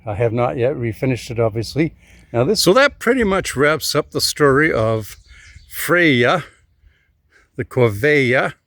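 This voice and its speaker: A man's voice: medium pitch, big pitch swings, a little slow, fairly bright tone, no echo. A man hosting his own garage vlog, talking casually and joking at his own puns. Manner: chatty, self-mocking about puns. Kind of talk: casual workshop walkthrough.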